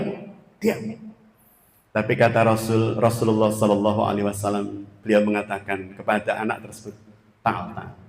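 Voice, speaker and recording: A male preacher gives a storytelling sermon to a women's study group, acting out the dialogue in different voices. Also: medium pitch. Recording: echoey hall with long reverb.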